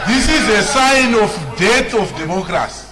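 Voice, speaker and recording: High-voiced male member of parliament. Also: expressive, normal speed, in a large hall, over loud music. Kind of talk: heated parliamentary debate. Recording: shouting crowd in a chamber.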